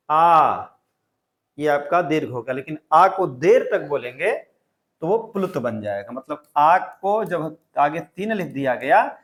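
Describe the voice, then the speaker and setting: A male teacher giving an exam-prep lecture, explaining step by step and repeating key points. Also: on the high side.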